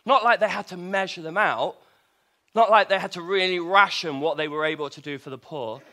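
Male preacher, high and bright, chatty sermon full of rhetorical questions. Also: a little fast.

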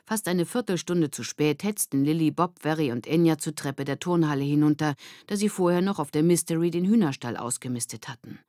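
A woman calmly narrating a children's audiobook in a measured storytelling voice. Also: low-pitched, no room sound, studio quality.

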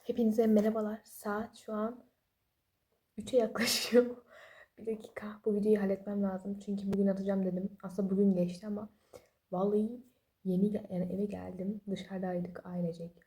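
A young woman, a study vlogger, gives casual late-night study advice from home without an external microphone. Her medium-pitched, dark voice moves at a moderate pace with little pitch movement. She sounds sleepy and apologetic, rambling and chatty with small self-deprecating jokes.

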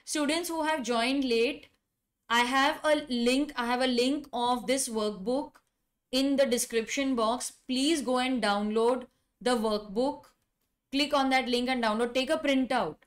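A woman's voice: high-pitched, unhurried. A middle-aged woman with an Indian accent teaching a live online class, emphatic, repeating key phrases and putting questions to students. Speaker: law teacher.

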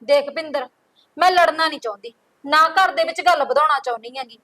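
A woman's voice: high-pitched, a little fast, bright, forceful tone, low-quality recording. A woman playing a firm, peace-keeping sister-in-law. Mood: reasoning. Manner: reasoning, firm.

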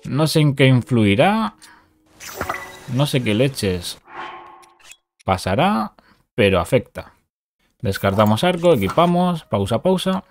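A man's voice: medium pitch, big pitch swings, takes it slowly, pauses often, faint music behind. Man narrating a game glitch. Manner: talks through steps, repeats short commands. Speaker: gaming youtuber. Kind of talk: casual game tutorial commentary.

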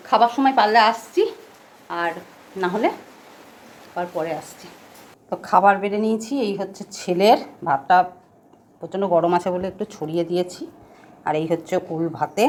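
A middle-aged woman chatting casually and softly through a home vlog, talking while she goes about her day with a cold. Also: medium pitch. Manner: chatty, homely, speaks softly. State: has a cold. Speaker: vlogger. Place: at home indoors.

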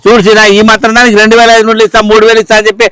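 A man pleads and explains at a very fast pace in a comedy sketch. His voice sits high. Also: monotone, fairly bright tone, clear, resonant tone, dry recording.

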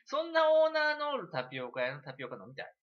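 A man with a Kansai accent tells a story on a casual livestream, chatty and prone to giggling asides. His pitch leaps wildly from low mutters to high outbursts, with a bright, forceful edge. The sound is dull and lo-fi. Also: huge pitch swings, normal speed, slight background noise. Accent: Kansai Japanese.

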